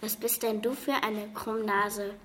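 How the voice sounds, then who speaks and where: A woman voicing a stammering eleven-year-old girl who is brave but quick to take offence, in a read-aloud story. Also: medium pitch, level tone, a bit bright, a little hiss or hum, close to an everyday voice, poor audio.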